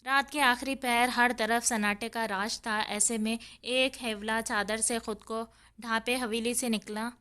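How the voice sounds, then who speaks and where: Female audiobook narrator, smooth clear voice, slightly high, steady dramatic read. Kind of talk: novel read-aloud.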